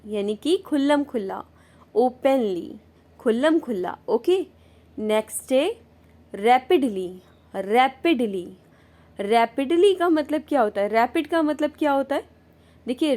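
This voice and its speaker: A woman's voice: on the high side, darkish tone. A woman teaching English vocabulary in Hindi with an Indian accent, patiently repeating each word and its meaning. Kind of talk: slow vocabulary lesson with repetition.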